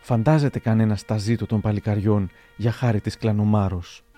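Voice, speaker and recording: Mellow-voiced male storyteller. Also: lowish voice, steady tone, soft background music. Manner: measured, storytelling. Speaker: narrator. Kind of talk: reading historical anecdotes aloud.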